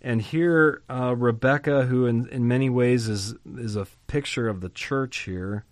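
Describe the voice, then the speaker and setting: Guy explaining a bible chapter, chatty and animated, middle pitch, dry close sound. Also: unhurried, no room sound. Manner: lively, chatty, asks rhetorical questions, chuckles. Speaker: Bible teacher. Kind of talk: conversational Bible teaching.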